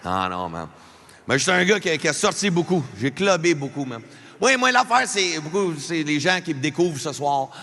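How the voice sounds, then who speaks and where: A man from Alberta in his thirties doing live stand-up comedy, animated and joking with the crowd while mixing French and English. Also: fairly high pitch, normal speed. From Alberta, Canada. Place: large arena before a live crowd. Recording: long arena reverb, faint crowd noise.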